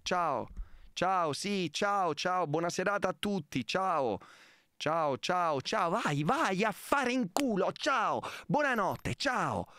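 A man's voice: high-pitched, lively intonation, slow, bright, forceful tone, dry recording, studio quality. A man live streaming late at night, ranting in exasperation and swearing at a prank.

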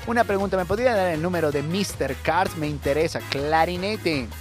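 With music in the background, a young man speaks fairly quickly in a voice on the high side, carrying a Bolivian accent. As a radio host and comedian, he keeps things casual and jokey, reading listener messages in an informal comic monologue.

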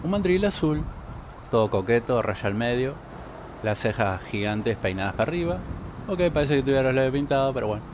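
A man with a Rioplatense accent giving excitable, mocking gameplay commentary and swearing often. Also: medium pitch, a little fast, background noise. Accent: Rioplatense Spanish. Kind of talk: casual let's-play commentary. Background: game music and gunfire.

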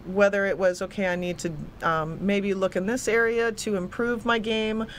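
A woman's voice: mid-range voice, moderate pace. A young woman speaks earnestly as an interview guest, often doubling words when she gets going. She sits at a desk microphone in a small studio, with a faint hiss under her voice. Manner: earnest, eager, repeats words when excited. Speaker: fitness coach and guest. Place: small studio set with a city backdrop. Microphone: desk microphone on a stand.

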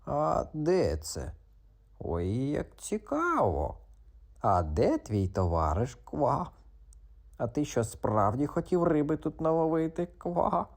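A man voicing a cheeky, talkative little male frog who croaks between his words in a children's audiobook. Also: on the high side, sing-song, takes it slowly, mellow, voice pushed up, heavily acted. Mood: chatty, eager.

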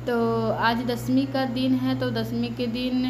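Background noise runs under a high-sitting female voice that stays level and a little slow. She's a mother in her thirties making a casual devotional family vlog, praying through tears about her family and daughters and shouting at her children now and then.

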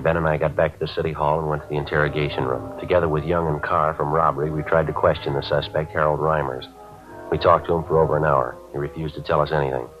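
An actor playing a terse male police sergeant who narrates his case in a clipped, deadpan way, heard as an old AM radio drama broadcast. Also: a bass voice. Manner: clipped, deadpan report of times and facts. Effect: old AM radio broadcast sound. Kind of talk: 1950s radio drama acting. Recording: muffled lo-fi 1950s AM radio broadcast.

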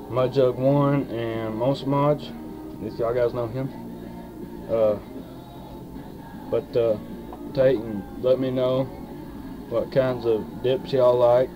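In a small wood-panelled room, a young man with a medium-pitched voice rambles casually to camera about dip while a lip full of it shapes his folksy, drawn-out, hesitant speech. Country music plays behind him, and the audio from his arm's-length webcam mic sounds dull.

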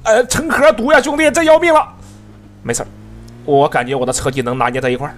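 A man giving excitable, profanity-laced live commentary on his own game, laughing and talking to his teammates. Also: on the high side, fast, slight background noise. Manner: excitable, swears often, laughs, talks to teammates. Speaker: game streamer.

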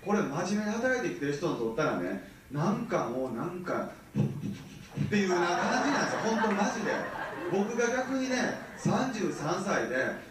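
A man in his thirties with a Kansai accent, giving an animated seminar talk and often checking that the audience follows. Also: sits high, moderate pace, noisy background. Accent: Kansai Japanese. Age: 30s. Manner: animated, keeps checking the audience with rhetorical questions. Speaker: business seminar speaker. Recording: very echoey, mic far from speaker.

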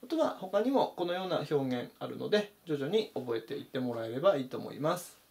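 Casting: male English teacher, slightly high voice with a lot of pitch movement, methodical lesson delivery. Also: very animated, brisk, gravelly, darkish tone. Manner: methodical, stresses pronunciation points. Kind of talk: explanatory vocabulary lesson.

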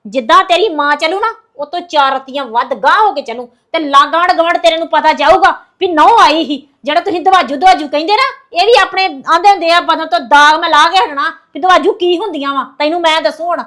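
A woman acting a defiant young wife who talks loudly and scolds and threatens her husband. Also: very high-pitched, fairly quick, few pauses. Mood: furious. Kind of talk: web drama acting.

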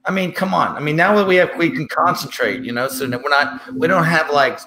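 A man's voice: on the high side, brisk, background noise. A man hosting a casual show, teasing his guests and repeating himself as he goes. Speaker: host. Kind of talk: casual chat.

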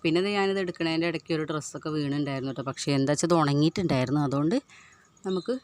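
A woman's voice: low voice, very fast, darkish tone, slight background noise. A housewife from Kerala chattily narrating her daily chores over a home vlog, tagging her sentences with "you know?"; she is recovering from a tooth extraction. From Kerala, India. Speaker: housewife vlogger.

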